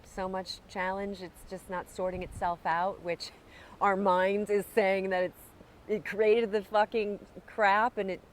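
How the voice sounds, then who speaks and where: An animated woman guest swearing freely in loose conversation. she sounds outdoors, with a faint hiss of noise under the voice. her pitch sits at an ordinary middle level. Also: unhurried, rough recording. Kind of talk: casual spiritual conversation. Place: outdoors in Hawaiian upcountry.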